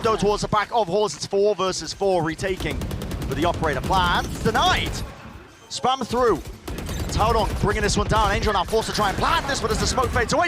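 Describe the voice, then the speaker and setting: High-pitched male esports caster, music behind. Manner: urgent clipped running calls. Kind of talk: live esports commentary.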